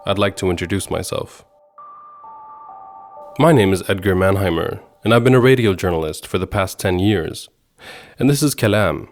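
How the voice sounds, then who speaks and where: A man from Sweden hosting a podcast, giving measured, earnest scripted narration. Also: fairly low pitch, slight background noise. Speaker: podcast host.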